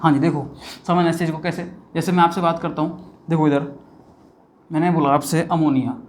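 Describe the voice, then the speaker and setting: A man's voice: a little high, steady tone, brisk, slight background noise. A man teaching a chemistry lecture, talking conversationally and asking questions he then answers himself. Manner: conversational, asks and answers his own questions, says 'bhaiya' and 'theek hai' often. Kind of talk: whiteboard lecture.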